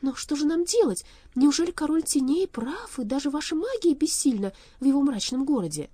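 A woman voicing a worried young girl who speaks in a higher, raised voice. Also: big pitch swings, fairly quick, mellow, no room sound.

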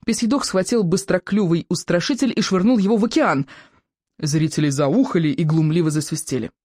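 A woman narrating an audiobook for children in an animated, playful storytelling manner. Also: lowish voice, fairly quick, no room sound, clean studio sound.

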